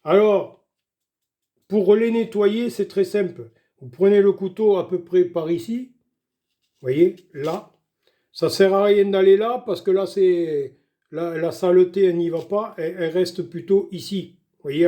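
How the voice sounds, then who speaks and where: Older guy in his kitchen chatting thru a veggie soup, high-ish voice but mellow. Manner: chatty, folksy, keeps saying "voilà" and "doucement". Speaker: home cook showing a recipe. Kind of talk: casual cooking demonstration.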